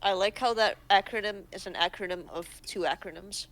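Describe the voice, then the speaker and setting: A woman's voice: mid-range voice, a little fast, a bit bright. A woman co-hosting a casual stream, dropping short wry, profane quips. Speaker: co-host.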